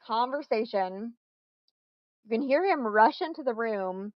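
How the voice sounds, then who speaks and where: A young adult woman running a tabletop role-playing game as game master, narrating scenes in a casual, animated way with quick asides. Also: on the high side, dry recording, lo-fi sound.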